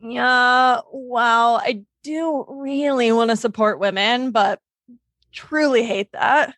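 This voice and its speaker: A young adult woman co-hosting a podcast in casual, comedic chat, blunt and dramatic and quick to swear. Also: fairly high pitch, fairly bright tone, dry recording. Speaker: podcast co-host.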